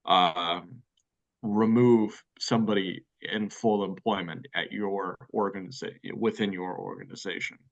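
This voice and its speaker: This American guest expert speaks low and a little slowly, with fairly even intonation, in a recording whose highs are cut off. He's a man from the United States answering interview questions at length, hedging thoughtfully and often using fillers and starting over.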